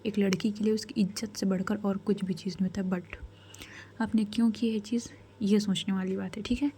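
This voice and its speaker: A woman's voice: mid-range voice, little pitch movement, warm tone, a little hiss or hum, lightly acted. Woman voicing a wise royal grandmother. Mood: firm counsel. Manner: measured, counselling, firm. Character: calm, commanding royal grandmother, older woman.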